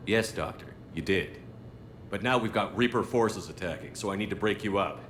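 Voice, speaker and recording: Man playing a firm, low-voiced military commander. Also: moderate pace, a bit bright, a little hiss or hum, natural voice. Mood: firm, pressing. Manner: direct, firm, businesslike. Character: determined, brisk male military space commander. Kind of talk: video game voice acting. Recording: echoey game scene with music behind.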